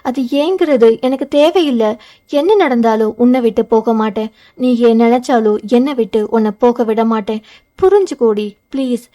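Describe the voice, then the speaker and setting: A woman's voice: fairly high pitch, moderate pace, mellow, natural voice. A woman doing Magizhan, an intense young lover. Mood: pleading. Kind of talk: audio novel character reading.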